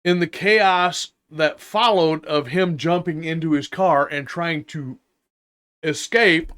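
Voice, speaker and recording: An older man giving an unscripted, indignant opinion rant, halting and deliberate, with long pauses and emphatic repetition. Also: fairly high pitch, a bit bright, clean tone. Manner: indignant, emphatic, repeating phrases. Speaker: vlogger giving his opinion.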